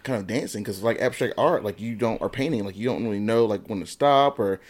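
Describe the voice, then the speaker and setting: Low-voiced man hosting a casual interview. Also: brisk. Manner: encouraging, frequent backchannel agreement. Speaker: interview host.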